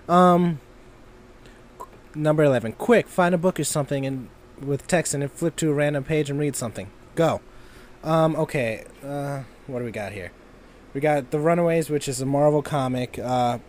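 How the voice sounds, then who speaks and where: A young amateur voice actor from Minnesota chats casually in a vlog, rambling with lots of ums and loose, self-deprecating asides. His voice sits in the mid range, with a little hiss or hum in the background.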